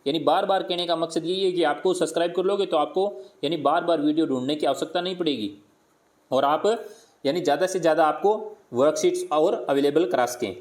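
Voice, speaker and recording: A man teaching primary pupils, slowly repeating words and sounding them out, asking questions and answering them himself. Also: on the high side. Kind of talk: worksheet lesson for primary pupils.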